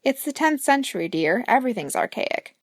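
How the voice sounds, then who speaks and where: A woman voicing a wry, elegant queen and stepmother in an audiobook, dry and gently teasing. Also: a little high, sing-song, fairly quick.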